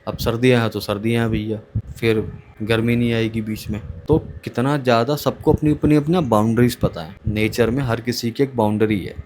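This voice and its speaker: A man in his thirties speaks in a calm, musing monologue and hosts his own channel. His voice sits at an ordinary middle pitch, and he mixes English phrases into a relaxed conversational flow. A faint hiss of background noise lies under the recording. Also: fairly quick. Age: 30s. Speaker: channel host. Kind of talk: reflective monologue.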